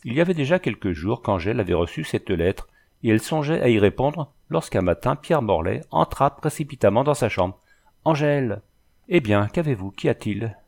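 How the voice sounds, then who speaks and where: A man reading a classic novel aloud as scripted narration, in a measured, even storytelling delivery. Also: medium pitch, creaky. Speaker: audiobook reader.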